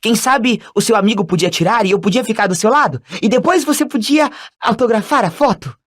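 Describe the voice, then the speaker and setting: A man voicing an eager, excitable young schoolboy fan in an audiobook, gushing out question after question. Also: high voice, pitched above the performer's own voice. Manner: breathless, gushing, rapid questions. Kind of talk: audiobook character voice.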